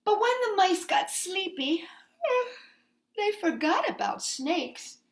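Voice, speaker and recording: There's a noisy background as a woman with a very high voice and big pitch swings leads slow-paced story time for young kids. She reads aloud, sings along, and puts simple questions to her audience in an expressive way.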